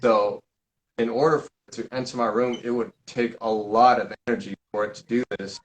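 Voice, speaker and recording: A man chatting on a live stream about his paranormal investigations. His pitch sits at an everyday middle level. He rambles and stalls, restarting sentences often. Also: fairly even intonation, slight background noise, rough recording. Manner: rambling, halting, with many fillers and restarts. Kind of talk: casual live-stream chat.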